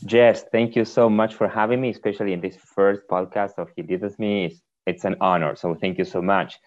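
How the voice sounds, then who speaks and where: A priest guest on a podcast, with an Argentine accent and native Spanish, speaks in a casual conversational interview, frequently repeating words mid-phrase. His fairly low voice is steady and brisk, recorded with lo-fi sound.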